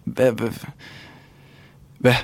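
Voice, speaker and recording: A man's voice: mellow, no echo. A man, a radio host in comic studio banter who talks defensively and repeats himself. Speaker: radio show host and reporter.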